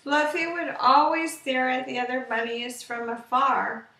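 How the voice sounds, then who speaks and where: Reading a bedtime story for children, this woman uses a high voice that's creaky, pushed, and bright, holding a steady tone at a slightly slow pace. The simple narration is captured indoors in a living room with a sofa and window by a webcam at least arm's length away, giving a roomy, distant sound.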